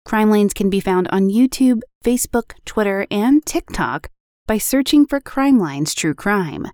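Female podcast host for scripted announcements. Mid-pitched voice, very little room sound. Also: animated, unhurried, darkish tone, no room sound, clean studio sound.

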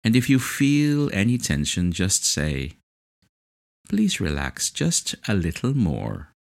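A man leading a guided hypnosis session, speaking in a slow, soothing, hypnotic way. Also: deep voice, wildly swooping pitch, gravelly. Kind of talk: guided hypnosis relaxation script.

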